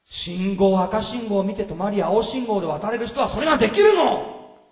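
A man preaching a sermon as pastor, animated and often asking the congregation questions. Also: sits high, moderate pace. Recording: roomy hall reverb, from a distance.

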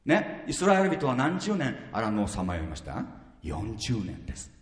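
A man's voice: lowish voice, huge pitch swings, normal speed. A man in his fifties preaching a sermon as pastor, full of rhetorical questions and repeated phrases. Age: 50s. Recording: reverberant hall.

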